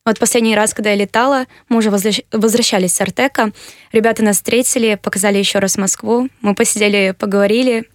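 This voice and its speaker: An eighteen-year-old woman from Kyrgyzstan answering interview questions earnestly, pausing with fillers as she thinks. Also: medium pitch, steady tone, no echo, studio quality. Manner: earnest, measured, with hesitant fillers. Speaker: interviewee, university applicant.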